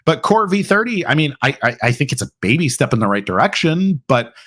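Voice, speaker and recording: A man with a slightly high, somewhat bright voice hosts a livestreamed Q&A, sounding very animated and brisk. He talks casually with plenty of fillers and restarts, and mock-quotes his opponents.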